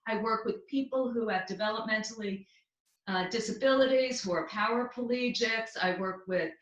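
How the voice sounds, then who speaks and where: Lively laughter yoga teacher lady, bright voice, kinda high, echoey room on a video call. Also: moderate pace, highs cut off. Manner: energetic, instructive, with bursts of laughter. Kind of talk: guest explaining and demonstrating.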